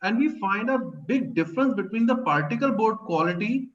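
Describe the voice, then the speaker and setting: A man's voice: sits high, lively intonation, normal speed, fairly bright tone. A man asking a question in an online meeting, hesitant with many fillers. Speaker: meeting participant. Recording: dull lo-fi call audio.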